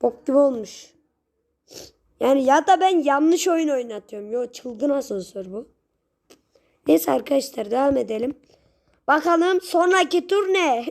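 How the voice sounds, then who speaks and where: A young woman giving casual gameplay commentary, chatty with her viewers and prone to sudden shrieks and yells at the game. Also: high-pitched, expressive, unhurried, gravelly, pauses often. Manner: chatty, talks straight to viewers. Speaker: gaming channel host.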